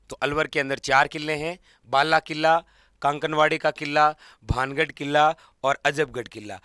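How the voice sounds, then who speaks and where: A man with a Rajasthani Hindi accent giving an exam prep lecture, his voice bright and forceful. He keeps drilling facts, asking quick questions and answering them himself. The sound is close and dry, with little room around it. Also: a little high, dry recording. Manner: drilling, keeps repeating "remember" and quizzing students. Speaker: exam coaching teacher. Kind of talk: general knowledge lecture.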